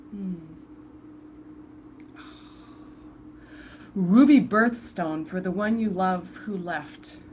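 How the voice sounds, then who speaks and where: A woman's voice: medium pitch, a little hiss or hum, close to an everyday voice. A woman playing a defiant murdered activist's ghost. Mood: wistful. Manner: halting, reflective, with sighs and trailing restarts. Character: slain woman civil rights volunteer, restless, defiant ghost. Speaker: stage actor performing a monologue. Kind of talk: theatrical monologue. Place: indoors at home, performing over a video call. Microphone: video call computer mic.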